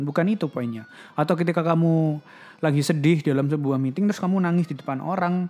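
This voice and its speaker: A man's voice: fairly high pitch, darkish tone. A young man talking casually and reflectively, with self-mocking laughter. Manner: chatty, reflective, laughs at himself. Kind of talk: casual personal talk.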